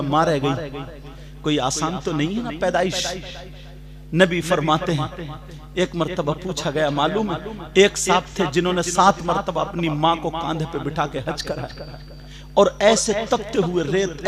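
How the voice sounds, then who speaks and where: A male preacher delivering an Islamic sermon, telling a cautionary tale in a drawn-out sung cadence and then dropping to plain speech to appeal to listeners. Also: a little high, crowd noise. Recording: voice over loud music. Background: music.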